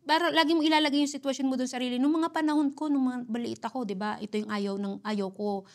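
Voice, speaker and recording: A Filipina mother of four, a guest on an interview show, telling family stories in a lively conversational way and switching between Tagalog and English. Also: sits high, fast talker. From Philippines. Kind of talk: casual interview storytelling. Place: Canada.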